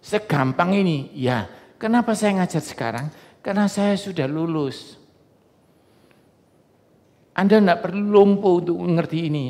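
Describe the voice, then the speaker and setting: A male pastor preaches to his congregation, chatty and joking as he tells stories. His voice sits fairly high for a man, and it rings with the long reverb of a church hall. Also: a little mellow. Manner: conversational, joking storytelling to a congregation. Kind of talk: sermon.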